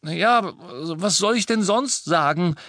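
Guy voicing a young wizard on the defensive, pleading, voice pushed up high and lively. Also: unhurried, no echo, heavily acted.

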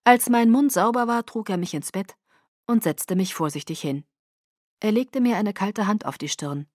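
A woman narrating an audiobook in the first person with a calm, measured reading. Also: mid-range voice, dry recording, studio quality.

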